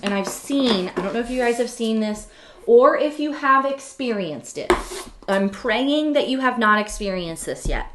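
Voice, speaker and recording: A woman's voice: medium pitch, slight background noise. Chatty woman teaching on a live stream. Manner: chatty, laughs often, many fillers and self-corrections. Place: home office. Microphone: computer webcam mic.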